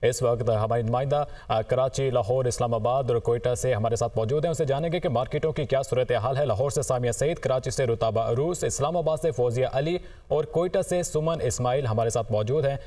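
A male news anchor with a Pakistani Urdu accent reads in a formal, measured manner. His voice is warm and mellow, and it sounds a little set back from the mic. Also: medium pitch, far from the mic. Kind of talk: studio news presenting.

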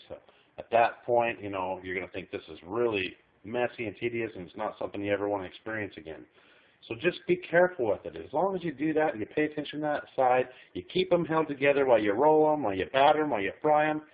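Talking directly to the viewer, a middle-aged man gives a casual cooking tutorial in a fairly low voice, his instructions folksy and chatty. He holds the camera overhead in one hand in a small kitchen, so the audio comes out tinny, like a phone recording.

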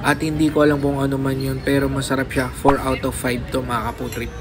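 A man's voice: mid-range voice, level tone, fairly quick. A man with a Filipino accent giving a casual food review with his mouth full of food, chatting to his viewers. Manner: chatty, repeatedly addresses viewers. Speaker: food vlogger. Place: restaurant.

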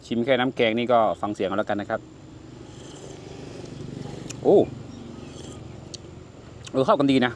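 In his relaxed cooking vlog, an older man tastes the food and exclaims over it, chatting as he goes. His medium-pitched voice is animated yet unhurried, with long pauses, and a little hiss or hum is audible.

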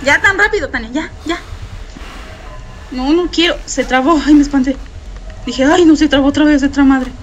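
A woman's voice: high-pitched, normal speed, long pauses, highs cut off, soft background music. A young Mexican woman with a Mexican Spanish accent, doing frightened horror game commentary full of swearing, nervous laughter and shrieks. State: scared and shaky. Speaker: gameplay streamer.

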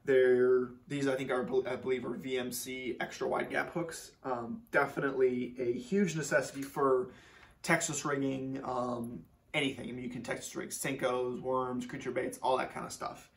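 A young Minnesota man who hosts a fishing channel gives a casual tackle walkthrough while seated in his garage workshop, with the camera a few feet away so he sounds distant. His medium-pitched, creaky voice moves at a moderate pace, relaxed and full of fillers, repeating words for emphasis.

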